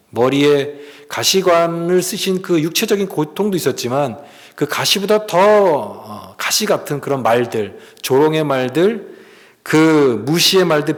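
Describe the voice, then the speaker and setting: A male pastor delivers a sermon with an earnest, emphatic manner, his mid-pitched voice ringing through a church hall. He speaks in a long reverb that trails after each phrase. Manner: earnest, emphatic preaching with rhetorical questions to the congregation. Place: church sanctuary.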